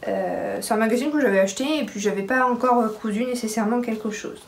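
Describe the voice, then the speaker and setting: A pregnant woman chatting casually to camera about her sewing, with many pauses and restarts. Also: a little high, vocal fry, slight background noise. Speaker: sewing vlogger.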